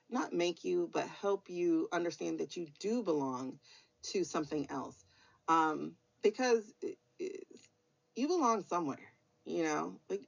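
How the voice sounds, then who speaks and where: A woman's voice: fairly low pitch, vocal fry. An American woman giving a weekly tarot reading in a casual, blunt, encouraging way, with some mild swearing. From United States. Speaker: tarot reader. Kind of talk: casual spiritual guidance chat. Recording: dull lo-fi recording.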